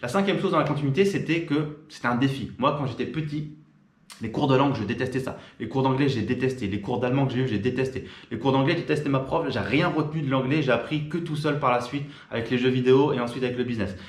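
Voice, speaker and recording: Fast-talking chatty man, echoey room. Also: mid-range voice. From France. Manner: chatty, informal, frequent fillers and restarts. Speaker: YouTuber. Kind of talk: casual direct-to-camera talk.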